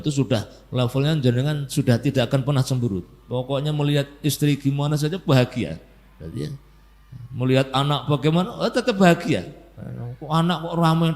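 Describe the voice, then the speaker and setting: A man's voice: mid-range voice, warm tone. A man giving a casual sermon, chatty and jokey, acting out little household scenes and ending each point with a filler tag. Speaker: Islamic preacher.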